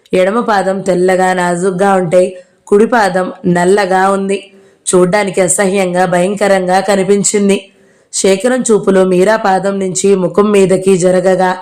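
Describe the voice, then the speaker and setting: A woman narrating an audio novel in a steady storytelling read. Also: medium pitch.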